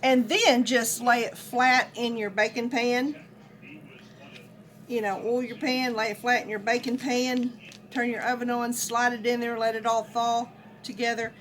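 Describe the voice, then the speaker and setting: A mature woman talks in a fairly high voice. She is folksy and chatty, addressing viewers directly as she walks them through home cooking in a casual way. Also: level tone, unhurried, a bit bright. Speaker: home cook vlogger. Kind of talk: casual cooking demonstration chat.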